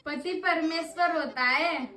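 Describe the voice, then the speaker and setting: A woman's voice: high voice, slow, reverberant, distant mic, loud music behind the voice. A woman acting in a comedy sketch, playing a sassy, teasing wife. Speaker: comic sketch performer.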